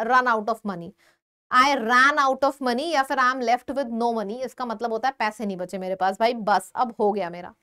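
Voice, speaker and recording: A woman with an Indian accent teaching an exam-prep vocabulary lesson, explaining slowly, repeating words and quizzing her viewers. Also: high-pitched, fairly bright tone, clean tone.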